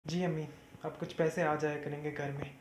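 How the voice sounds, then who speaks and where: A performer voices an earnest young man who reassures his family as their elder brother. His delivery is steady and calm. The sound is echoey, with steady background noise. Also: mid-range voice, normal speed, lightly acted. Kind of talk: amateur short-film acting.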